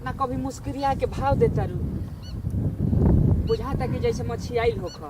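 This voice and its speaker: A man's voice: extremely high pitch, normal speed. A man playing a jealous, sulking young boyfriend in an amateur comedy skit, complaining insistently in a Bhojpuri accent. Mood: accusing. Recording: noisy outdoor recording.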